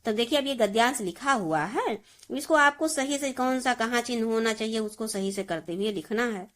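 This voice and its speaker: A woman's voice: on the high side, moderate pace, fairly bright tone. A woman Hindi teacher giving a grammar lesson, explaining step by step and repeating each word for her students. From India.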